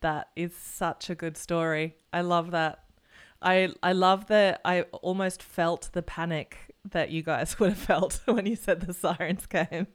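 A woman's voice: on the low side, fairly even intonation, measured pace, smooth. A woman hosting a podcast interview, reacting with short gasps and laughs. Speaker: podcast host. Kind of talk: casual interview chat.

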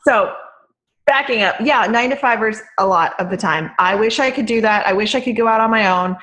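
A woman's voice: a little high, fairly quick, fairly bright tone. Woman, podcast co-host, casual chat, sassy, emphatic, swears freely.

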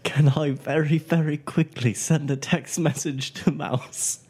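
Mellow man chatting at a game table. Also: on the high side, steady tone, measured pace, husky. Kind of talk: casual game-table discussion.

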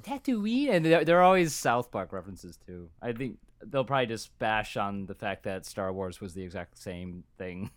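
A man co-hosts a casual podcast, musing in a relaxed, thoughtful way that often trails off. His voice is on the low side. The sound is dry and close to the mic. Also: moderate pace, hardly any pauses, no room sound. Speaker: podcast co-host. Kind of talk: casual chat.

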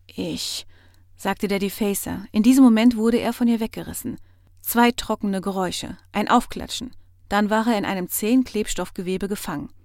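A woman reading a science fiction audiobook in a measured, expressive narration. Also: medium pitch, no echo, studio quality. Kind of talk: scripted narration.

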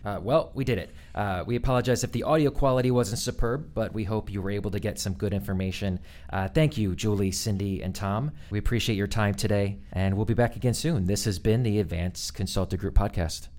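A man's voice: fairly low pitch, fairly quick, few pauses, darkish tone. A man hosting and moderating a professional podcast discussion. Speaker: podcast host.

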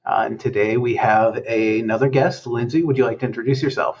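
A man's voice: mid-range voice, fairly even intonation, brisk, a little mellow, slightly rough, lo-fi sound. A man hosting a casual podcast, asking questions in an easygoing way with fillers. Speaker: podcast host. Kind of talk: casual interview chat.

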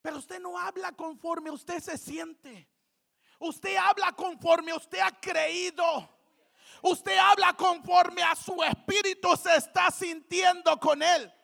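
A woman preacher, delivering a fervent sermon in church, shouting out refrains between joking asides. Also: very high-pitched, fairly even intonation, slow, creaky.

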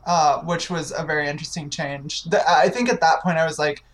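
A woman chatting casually as a podcast co-host, relaxed and measured, with frequent murmured agreement. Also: low-pitched. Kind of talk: casual chat.

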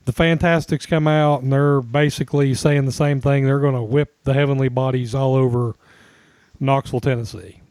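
A man's voice: medium pitch, steady tone, moderate pace, a little mellow, dry recording. A man co-hosting a casual podcast, chatting and laughing with frequent restarts. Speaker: podcast co-host. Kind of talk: casual chat about wrestling.

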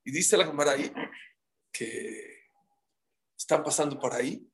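A man's voice: a little high, measured pace, a bit bright. A man teaching a live Talmud class, telling the stories dramatically and firing rhetorical questions at his listeners.

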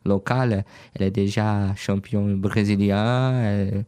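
Low-voiced man with a Brazilian accent. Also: steady tone, measured pace, dark tone, clear, resonant tone, no echo, studio quality. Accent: Brazilian Portuguese. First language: Portuguese. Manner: hesitant, searching for words, friendly. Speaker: guest, business owner. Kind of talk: radio interview.

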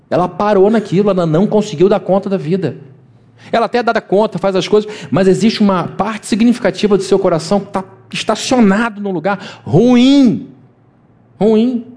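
A man preaching from the pulpit in a conversational sermon. His voice sits a little high for a man but sounds soft and mellow. He keeps breaking into quick acted-out voices that leap up in pitch. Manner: conversational preaching, acting out quoted voices with big pitch jumps. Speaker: pastor.

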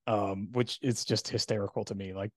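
A man's voice: on the low side, fairly even intonation, normal speed, darkish tone, no room sound. Rambling podcast host man, dry sound. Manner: rambling, self-deprecating, laughs often. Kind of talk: casual interview chat.

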